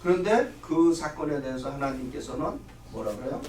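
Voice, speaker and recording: A man's voice: medium pitch, expressive, moderate pace, a little mellow, slight background noise. A middle-aged man leading a church Bible study, lecturing and firing questions at the class before answering them himself. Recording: echoey room, voice from a distance.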